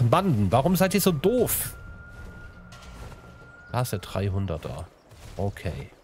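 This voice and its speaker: A man narrating his own gameplay in a casual, chatty way, talking to the animals and to his viewers with playful sing-song bits. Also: medium pitch. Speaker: let's play host.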